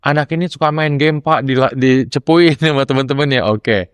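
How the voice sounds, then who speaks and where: A young adult man, a lecturer telling classroom stories in casual chat, acting out quoted lines with animated jumps in pitch. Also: moderate pace, clean tone, no room sound. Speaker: lecturer and podcast guest.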